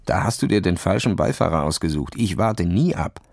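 A man's voice: low voice, expressive, fairly quick, vocal fry, darkish tone, exaggerated voice. A man voicing a bold, restless boy in a children's audio story who brags and brushes off danger. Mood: boastful. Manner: boastful, daredevil, brushes off danger. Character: bold restless boy stuck in a ski lift.

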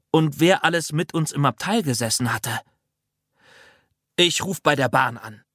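A reader narrating a children's audiobook in an expressive, lively way. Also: medium pitch, dry recording, studio quality.

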